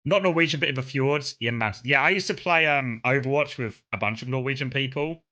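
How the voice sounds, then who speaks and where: A man with a soft southern English accent and a bright, forward voice at an average pitch. He chats casually like a streamer, rambling conversationally through anecdotes. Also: brisk. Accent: southern English, mild. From Kent, south-east England. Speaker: streamer chatting with viewers.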